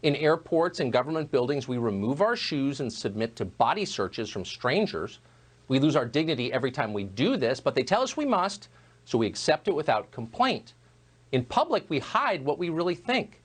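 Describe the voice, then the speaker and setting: A man delivering a scripted opinion monologue as a news host, measured and emphatic. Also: mid-range voice, big pitch swings, husky.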